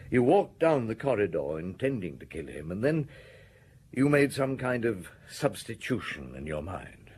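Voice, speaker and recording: A man's voice: on the low side, darkish tone, breathy edge. A man playing a shrewd, stern, middle-aged police inspector in a radio detective drama, questioning with formal authority. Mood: grave, deliberate.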